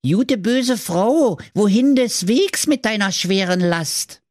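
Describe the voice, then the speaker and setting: A man squeaking as a rude little piglet girl. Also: expressive, takes it slowly, darkish tone, no echo, clean studio sound. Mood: cheeky. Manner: squeaky, insolent, sing-song. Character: small rude cheeky female piglet.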